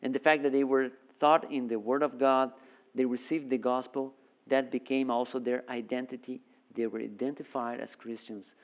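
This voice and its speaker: A man from Brazil preaching a sermon as a guest, earnest and full of restarts and repeated words. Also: medium pitch. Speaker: guest preacher and seminary worker.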